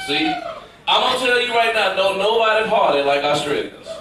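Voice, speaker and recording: A man from Memphis, doing loud, playful stand-up crowd work live on a cruise ship stage. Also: sits high, animated, a little fast, noisy background. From Memphis, Tennessee, US. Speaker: stand-up comedian. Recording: echoey live theater from far off, loud crowd.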